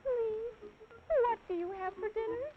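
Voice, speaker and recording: A squeaky, eager young elephant calf, voiced by a woman in a children's TV storybook, his very high voice bouncing with curiosity. He asks everything with great politeness. The sound is dull and lo-fi, like an old 1950s television kinescope. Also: lively intonation, moderate pace. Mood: excited.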